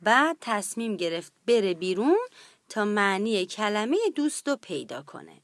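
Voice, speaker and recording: A woman narrating a children's storybook in a gentle, expressive read-aloud way. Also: mid-range voice, no room sound, clean studio sound.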